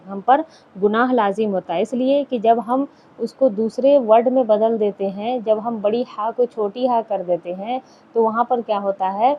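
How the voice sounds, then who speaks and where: A woman's voice: fairly high pitch, lo-fi sound. A woman teaching a lesson on Quran recitation. She asks her listeners questions, answers them herself, and repeats the key points.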